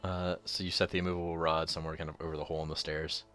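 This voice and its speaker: A man from the United States working as game master, narrating casually and haltingly as he improvises. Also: a bass voice, level tone, a bit bright, clear, resonant tone, soft background music.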